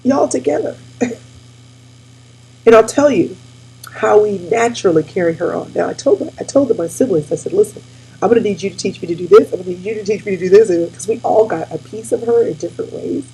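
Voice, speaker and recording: A woman in her forties talking casually and warmly to her viewers, tearful and near crying, calling them y'all. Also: mid-range voice, fairly quick, a little hiss or hum, poor audio. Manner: tearful, addresses audience as y'all. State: weepy, near tears. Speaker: host. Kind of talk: casual heartfelt talk to viewers.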